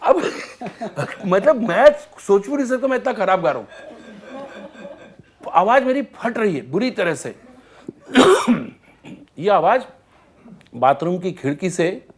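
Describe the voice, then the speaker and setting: A male singer, a guest on a talk show, telling anecdotes in an animated way and often laughing as he goes. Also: high voice, unhurried, long pauses. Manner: lively storyteller, acts out scenes and laughs often.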